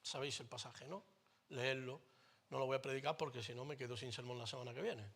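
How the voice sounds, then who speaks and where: Forceful Spanish pastor preaching. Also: male voice, medium pitch, steady tone, fast talker, creaky. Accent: Spain Spanish. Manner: emphatic preaching that swings between loud declarations and quiet, close asides; lighthearted jokes mixed into the preaching. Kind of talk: sermon. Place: church. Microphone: microphone.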